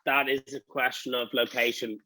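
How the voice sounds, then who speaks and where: A man's voice: medium pitch, steady tone, unhurried, a bit bright, dry recording. A man with a Dublin accent giving casual interview answers, rambling as he thinks aloud. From Dublin, Ireland. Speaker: interview guest, restaurant owner.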